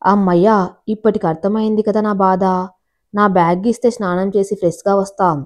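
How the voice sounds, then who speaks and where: A woman's voice: mid-range voice, fairly even intonation, a little fast, darkish tone, close to an everyday voice. Woman voicing a coy teasing young woman.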